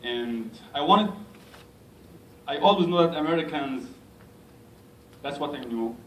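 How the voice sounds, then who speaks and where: A man from Egypt, an imam giving an unhurried, gently self-mocking speech to a community gathering in a large hall. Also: on the high side, lively intonation, a little hiss or hum. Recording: echoey hall, mic at a distance.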